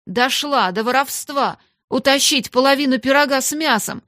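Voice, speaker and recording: A woman voicing a harsh adult schoolmistress who scolds and shouts furiously at a servant girl, in a storybook reading. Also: high-pitched, normal speed, no room sound, clean studio sound, voice pushed up.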